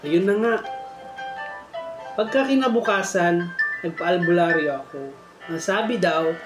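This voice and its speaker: A man with a high-sitting voice reads horror tales sent in by listeners, hosting a story show with soft music playing behind him. The audio is poor and the room sounds echoey.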